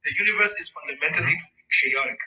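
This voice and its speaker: A man's voice: a little high, quick pace, sharp tone. A male live-show host whose voice is echoed back a moment late through a caller's device, arguing bluntly. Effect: his own voice echoed back a moment late through a caller's device. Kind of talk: debating a caller on a live stream. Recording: roomy echo with faint noise, played back from a second device.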